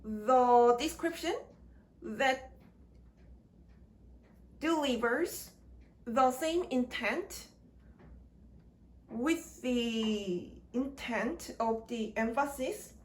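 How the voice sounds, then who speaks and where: A woman teaching English grammar in a slow lecture, speaking in short, deliberate chunks. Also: a little high.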